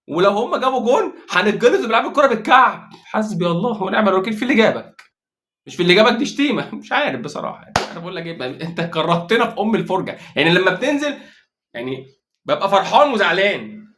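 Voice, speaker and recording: A man with an Egyptian Arabic accent giving a casual, excitable football commentary as a fan vlogger, repeating phrases for emphasis. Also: fairly high pitch.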